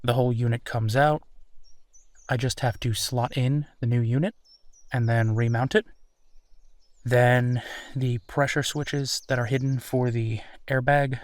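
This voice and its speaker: This man's medium-pitched voice stays fairly even and unhurried, recorded with no room sound and sounding much like an everyday speaker. He's voicing a laid-back, kindly werewolf in a roleplay audio drama, offering casual reassurance with slight hesitations as he carries a one-sided conversation.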